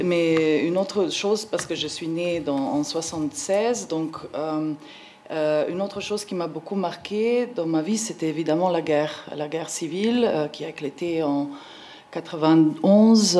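A woman's voice: low voice, mellow, slight background noise. Hesitant woman with a Slovenian accent. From Slovenia, former Yugoslavia. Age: 40s. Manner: hesitant, searching for words, stumbles on long words. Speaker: independent art curator, panel speaker. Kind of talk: informal conference talk.

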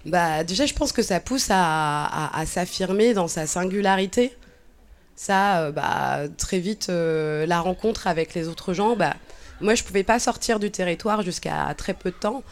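In an unhurried, lowish voice, this woman in her thirties, originally from Cabinda in Angola, recounts personal experiences in conversation as an interview guest. She comes across as reflective and hesitant, often restarting and using many fillers.

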